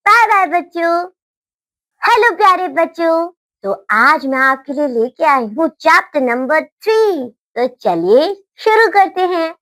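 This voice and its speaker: A woman's voice: high voice, fairly bright tone. A woman teaching children a phonics lesson, spelling words out letter by letter and reading them aloud cheerfully and encouragingly.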